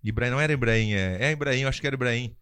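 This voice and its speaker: A man's voice: medium pitch, racing, crowd noise. A man telling a story in casual podcast chat, acting out quotes and laughing often. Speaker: podcast guest telling a fight-world story.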